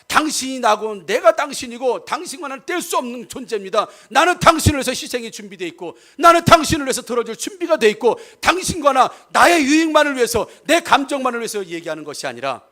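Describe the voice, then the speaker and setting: A male pastor preaching a sermon in church, speaking emphatically and addressing the congregation directly with questions. He rises to near-shouts when he acts out quarrels. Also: high voice.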